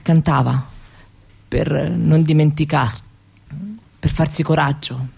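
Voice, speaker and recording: Her voice sits low and slow, fairly even in intonation, warm yet creaky with a breathy edge and an exaggerated quality. She's an actress portraying a shy young Roma woman hesitantly sharing her grandmother's story, a conversational stage monologue given as testimony, grave and sorrowful in mood.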